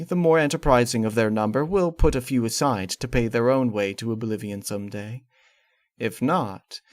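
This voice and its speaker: A male narrator reads a fan fiction gothic horror story in the first person, his phrasing scripted, formal, theatrical and precise. The mid-range voice is captured in studio quality with no room sound.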